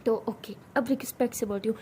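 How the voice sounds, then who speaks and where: A woman voicing a feisty, sharp-tongued young college woman who answers with mocking, taunting retorts. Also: on the high side, fairly even intonation, fast, a little hiss or hum, close to an everyday voice.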